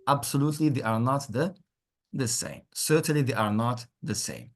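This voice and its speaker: Male English teacher, very varied intonation, slightly husky tone, deliberate and repetitive delivery in a pronunciation class. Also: mid-range voice, animated. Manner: deliberate, repeats words for learners, encouraging. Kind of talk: interactive pronunciation lesson.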